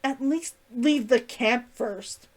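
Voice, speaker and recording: Woman reader doing a grumpy growly hothead in a fantasy book, indignant, voice jumps up high. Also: slow pace. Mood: flustered, indignant. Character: hostile, irritable companion growling objections in a story. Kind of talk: acted dialogue in a story reading.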